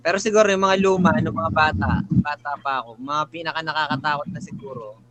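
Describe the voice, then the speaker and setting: A man with a slightly higher voice chats as a guest, pausing often as he fishes for half-remembered titles. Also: a bit bright, low-quality recording. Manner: searching memory, many "ano" fillers. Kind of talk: casual podcast chat.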